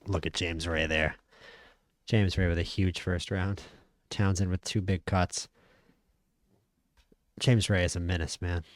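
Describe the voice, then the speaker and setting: A man casually commentating a boxing management game, chatty and opinionated, stammering when he gets excited. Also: deep voice, unhurried, pauses often, no echo, studio quality. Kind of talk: casual play-by-play commentary over a boxing sim.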